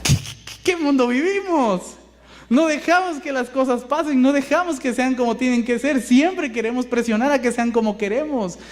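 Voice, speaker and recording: A male Mexican pastor with a Mexican accent delivers a sermon in a notably high voice. He talks conversationally, asking the congregation rhetorical questions and acting out the voices he quotes. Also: moderate pace.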